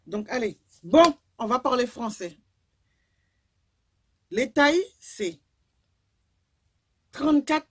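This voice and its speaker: Chatty woman. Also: a little high. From Guadeloupe. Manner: chatty, rambling, with frequent fillers. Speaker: vlogger. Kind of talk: casual haul video.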